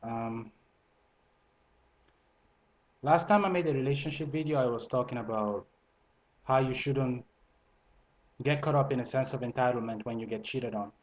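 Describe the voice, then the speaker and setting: A man's voice: medium pitch, moderate pace, poor audio. A man raised in Italy who speaks English with a multilingual accent that mixes in Italian and French, giving casual relationship advice to camera with lots of fillers and restarts. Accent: multilingual, Italian and French mixed into English. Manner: conversational, frequent fillers and restarts. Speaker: vlogger.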